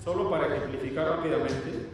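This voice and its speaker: Man preaching in church, high voice, lots of echo, mic kinda far, faint background noise. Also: fast. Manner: asks the congregation questions and explains verses. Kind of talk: sermon. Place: church hall. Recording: echoey church hall, distant mic.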